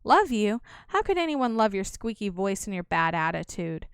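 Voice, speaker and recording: A woman's voice: medium pitch, sing-song, normal speed, clear, resonant tone, no echo, studio quality. A woman voicing a boastful, stubborn young man in a video game. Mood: bold. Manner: boastful, brusque. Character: cocky stubborn young male hero.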